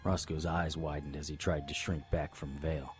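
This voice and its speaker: Playing a tough, determined private investigator in an audio drama, a male actor narrates and delivers dialogue in the first person, tense, terse and serious. His voice is extremely low and flat, at a moderate pace, with faint music behind him.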